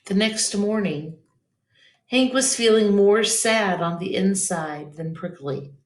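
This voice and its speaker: A woman reading a children's picture book aloud as an expressive storyteller. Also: mid-range voice, takes it slowly, slight background noise. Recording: echoey room.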